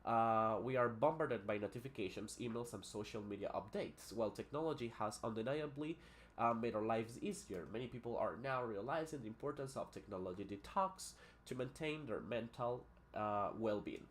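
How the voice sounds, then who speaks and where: On a live stream, a man with a mid-range voice teaches English at a moderate pace, with a little hiss or hum in the audio. He moves between Spanish and English, explaining words and how to pronounce them in a loose style full of hesitant fillers and restarts.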